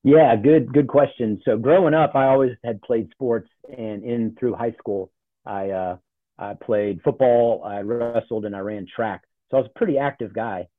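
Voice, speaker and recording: A man's voice: mid-range voice, moderate pace, no room sound. A man in his forties, a podcast guest talking casually and loosely with lots of ums and uhs over a video call. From born in Ohio, grew up in Charlotte. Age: 40s. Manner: relaxed, rambling with many fillers. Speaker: podcast guest, nonprofit CEO. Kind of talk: casual interview talk. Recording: tinny phone-like call audio.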